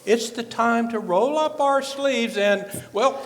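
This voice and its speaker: An actor playing a stiffly formal small-town storekeeper on a community stage, dramatic and prone to stammering when flustered. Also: male voice, very high voice, takes it slowly. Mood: pompous. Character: fussy, formal small-town male merchant, easily flustered. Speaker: store owner Mister Barnum. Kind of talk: community theater stage acting. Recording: live stage audio in an echoing hall.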